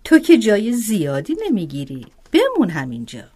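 A woman playing a kind, motherly old woman who soothes and gently scolds in a storybook. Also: mid-range voice, huge pitch swings, breathy edge.

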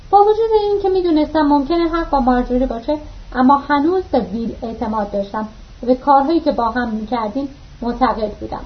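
A woman reading an audiobook aloud, narrating the story and voicing the dialogue lines with mild shifts of pitch. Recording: muffled lo-fi recording.

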